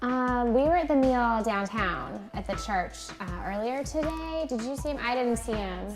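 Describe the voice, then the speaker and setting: A woman's voice: a little high, lively intonation, moderate pace. A woman speaking as a helper at a service center in a scripted training role-play, friendly and helpful. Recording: music bed under speech.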